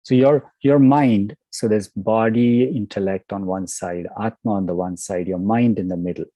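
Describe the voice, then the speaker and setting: A man's voice: on the low side, normal speed, mellow, dry recording, rough recording. A man giving a devotional talk over a video call, telling a story in a conversational way. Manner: conversational, with fillers and restarts. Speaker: devotional speaker. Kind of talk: sermon with storytelling.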